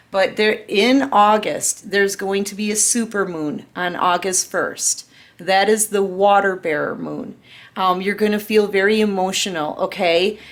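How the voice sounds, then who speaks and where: A woman in her fifties giving a tarot reading to her viewers, earnest and personal, often checking in with "okay?" and "right?". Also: medium pitch. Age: 50s. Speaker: tarot reader. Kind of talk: casual spiritual reading to camera.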